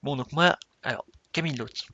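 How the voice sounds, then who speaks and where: A man's voice: medium pitch, normal speed, sharp tone, no echo, muffled recording. A man giving an unscripted, rambling introduction to himself and his gaming server, often correcting himself and laughing at himself. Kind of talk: unscripted casual vlog talk.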